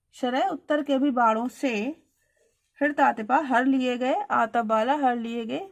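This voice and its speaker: A woman teacher reading Sanskrit verses aloud, then translating and explaining them line by line. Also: sits high.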